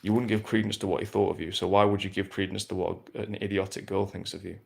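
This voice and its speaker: On a live stream, a man in his thirties bluntly works through viewer questions at a fast clip. His low, gravelly voice stays flat and level, and he swears casually and often.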